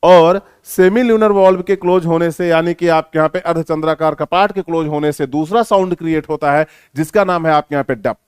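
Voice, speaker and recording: A male teacher giving a lesson in a lively, teasing manner, at times explaining loudly and at times mumbling quietly while writing. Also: on the high side, brisk, few pauses, clean tone, dry recording, clean studio sound. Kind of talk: online lecture.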